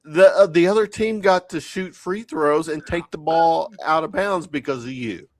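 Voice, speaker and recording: A man's voice: fairly high pitch, normal speed, no echo. A man hosting a sports podcast roundtable, teasing his panel and signing off the show. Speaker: podcast host. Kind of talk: casual podcast banter.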